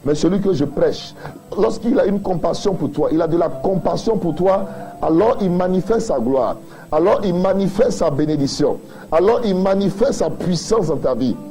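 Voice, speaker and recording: Pastor guy preaching, high voice, warm tone, hammering the same lines over and over. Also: lively intonation, moderate pace, faint music behind, poor audio. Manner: emphatic preaching with repeated refrains. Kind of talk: sermon.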